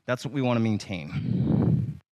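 A man leading a yoga workout, giving calm, encouraging cues with light humor and sometimes slightly out of breath. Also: on the low side, unhurried, dry recording. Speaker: yoga instructor. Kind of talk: guided yoga class instruction.

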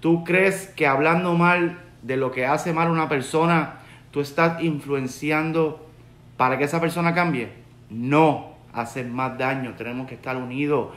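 Indoors in a home study lined with bookshelves, a Puerto Rican rabbi in his forties talks to his webcam, teaching Torah earnestly and circling back to his key ideas. His voice sits on the high side with a steady tone, unhurried and a bit bright, shaped by a Puerto Rican Spanish accent. The audio has a roomy echo.

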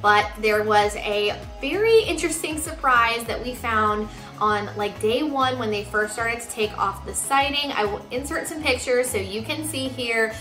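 Bright, chatty woman vlogger in her thirties. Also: fairly high pitch, a little slow. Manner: chatty, explanatory. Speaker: home renovation vlogger. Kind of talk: casual explanatory vlog to camera. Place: living room indoors. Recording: roomy living-room echo, music underneath.

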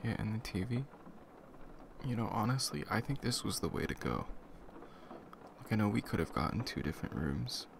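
A young man acting as a laid-back, caring best friend in a casual, intimate ASMR boyfriend role-play, murmuring conversationally with a gravelly voice. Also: on the low side, big pitch swings, moderate pace, pauses often. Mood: casual, relaxed. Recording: clear background noise, ambient sound.

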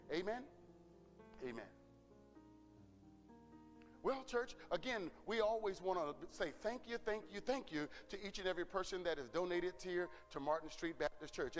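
A middle-aged pastor gives the church announcements, his voice sitting fairly high for a man. He speaks earnestly, repeating words and calling out "Amen?" to the congregation. A long reverb trails behind each phrase.

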